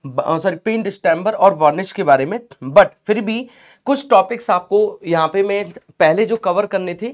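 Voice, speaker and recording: A young man with a high-pitched voice and a sore throat, clearing it often, teaches a live online exam-prep class at a moderate pace. He's chatty and encouraging, mixes English phrases into his speech, and calls his students "beta."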